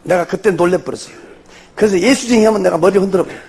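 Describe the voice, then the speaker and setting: An older man with a Jeolla accent, a church elder telling his testimony in an animated way and tossing in rhetorical questions. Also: high-pitched, very fast, gravelly, husky. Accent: Jeolla Korean. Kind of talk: spoken testimony before a congregation.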